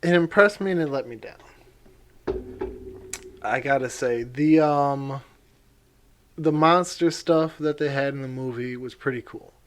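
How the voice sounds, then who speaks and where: A man's voice: medium pitch, a little slow, pauses often. A man co-hosting a podcast in casual chat, laughing often and protesting playfully. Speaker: podcast co-host.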